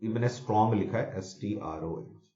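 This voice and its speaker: A man's voice: fairly low pitch, a little fast, dark tone. A man teaching vocabulary in a mix of Hindi and English, repeating words and checking in with students. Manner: explains with mnemonics, repeats words, frequent "theek hai na?" checks. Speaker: exam coaching teacher. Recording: echoey room, dull lo-fi sound.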